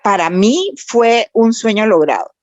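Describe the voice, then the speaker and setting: Guatemalan woman, animated storyteller, dry dull podcast sound. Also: medium pitch, measured pace, dry recording. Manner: animated storytelling with many fillers. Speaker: guest voice actress. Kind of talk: casual podcast interview.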